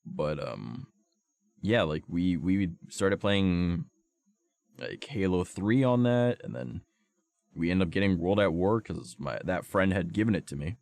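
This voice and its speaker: A man's voice: deep voice, animated, measured pace, gravelly, darkish tone, no echo. A young man streaming, with a sore throat and a cough, rambling through a profane casual story full of fillers. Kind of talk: casual chat to stream viewers.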